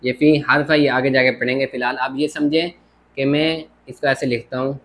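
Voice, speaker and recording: A man's voice: mid-range voice, little pitch movement, fairly quick. A man teaching a grammar lesson at a board, explaining step by step and often checking with "theek ho gaya". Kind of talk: classroom lecture at a board.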